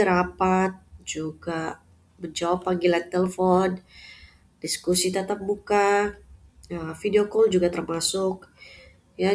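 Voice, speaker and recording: A woman giving a lecture in a measured way, often pausing on "eh" and ending points with "ya". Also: on the low side, darkish tone. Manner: measured, with frequent "eh" fillers and "ya" tags. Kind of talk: unscripted lecture.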